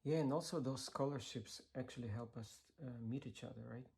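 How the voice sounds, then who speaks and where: A man from Ukraine who works on accessibility, telling his story in a pre-recorded video, earnest and steady, with small fillers. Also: mid-range voice, a little fast, vocal fry, breathy edge. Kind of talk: scripted video talk.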